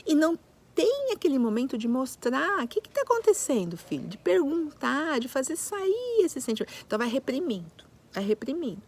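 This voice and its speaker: A woman's voice: sits high, big pitch swings, brisk, a little mellow. A woman psychologist giving parenting advice, talking expressively and acting out little scenes as she goes. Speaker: child psychologist.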